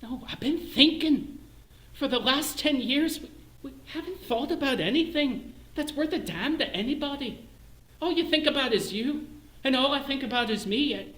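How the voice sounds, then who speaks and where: An actor playing a bitter middle-aged clerk with a Northern Irish accent in a theatrical monologue, swinging between hushed self-loathing and shouted rage. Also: male voice, very high-pitched, animated, moderate pace. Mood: pleading, tender. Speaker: stage actor in a one-man show. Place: performance space, live stream. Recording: roomy echo.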